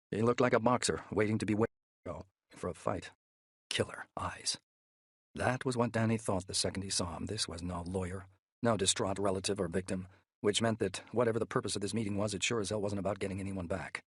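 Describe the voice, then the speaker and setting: Husky low-voiced male narrator. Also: a bit bright, dry recording, studio quality. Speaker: audiobook narrator. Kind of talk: scripted thriller narration.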